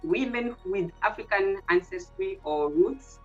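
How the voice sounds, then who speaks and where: A woman's voice: mid-range voice, measured pace. Woman from kenya, pageant contestant, lots of uh and um, dull lo-fi sound with faint music behind. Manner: hesitant, many fillers and restarts. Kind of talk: interview answers.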